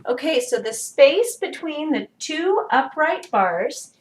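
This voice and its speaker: A woman's voice: sits high, sing-song, slow, reverberant, far from the mic. A woman teaching a children's music lesson, explaining patiently step by step.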